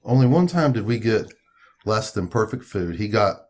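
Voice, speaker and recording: Husky, low-voiced Southern man chatting while eating. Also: very animated, moderate pace, darkish tone. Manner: folksy, colloquial. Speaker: father co-hosting a family mukbang vlog. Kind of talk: casual chat over a meal.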